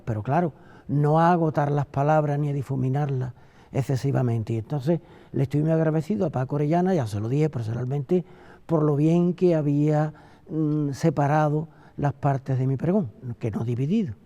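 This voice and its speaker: Very mellow, higher-pitched man. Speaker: panel guest, former Holy Week proclamation speaker. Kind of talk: measured round-table recollection.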